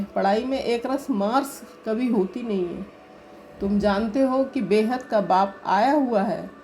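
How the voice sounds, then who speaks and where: A woman reading spiritual teachings aloud as a steady, measured recitation. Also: on the high side, slight background noise.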